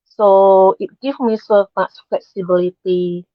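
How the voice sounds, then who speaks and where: Slow-talking woman on a call. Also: medium pitch, fairly even intonation, no echo, narrow, tinny audio. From Indonesia. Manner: hesitant, many fillers, nonnative grammar. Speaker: panel guest. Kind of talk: casual live panel talk. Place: at her workplace.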